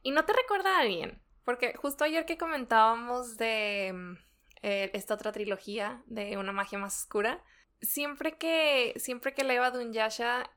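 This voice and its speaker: A woman's voice: on the high side, measured pace, fairly bright tone. A woman co-hosting a casual book discussion, chatty, laughing often and trailing off mid-thought. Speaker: book podcast co-host.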